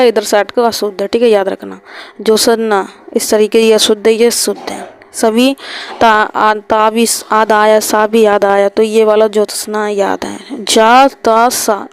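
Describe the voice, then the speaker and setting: A woman teaching an exam-prep Hindi spelling lesson over a screen recording. She repeats each word and keeps asking quick check questions. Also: mid-range voice, clear, resonant tone. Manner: repeats words and asks quick rhetorical checks.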